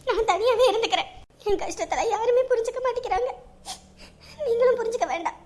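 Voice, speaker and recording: A hurt, high-voiced grieving daughter. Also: female voice, brisk. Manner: wounded, tearful protests. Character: young woman grieving her mother, hurt and defensive.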